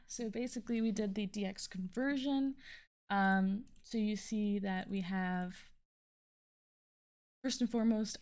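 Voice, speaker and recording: A young adult woman, a student, gives an informal, halting walkthrough of a programming project, thinking aloud as she goes and sometimes trailing off. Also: mid-range voice, vocal fry. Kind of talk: informal screen-recorded code walkthrough.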